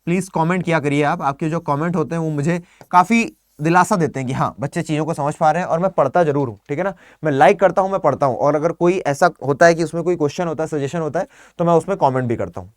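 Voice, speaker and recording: A young man teaching English vocabulary in an online exam-prep lesson, lively, mixing Hindi with English, spelling words out and firing rhetorical questions at his class. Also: on the high side, quick pace, no echo, clean studio sound.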